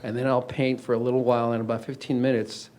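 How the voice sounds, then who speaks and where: A man's voice: mid-range voice, little pitch movement, fast talker, a little mellow. A man in his seventies with a mid-range voice. He talks casually about himself as a participant in a group conversation, feeling his way through his sentences in a hesitant, rambling manner. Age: 70s. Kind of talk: casual personal sharing.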